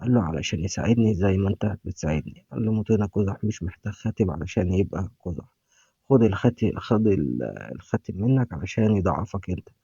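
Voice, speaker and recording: A man's voice: low voice, expressive, fast talker, gravelly, dark tone, breathy edge, dry recording, dull audio. A man with an Egyptian Arabic accent giving a casual recap of a TV series, retelling scenes and reading characters' lines aloud.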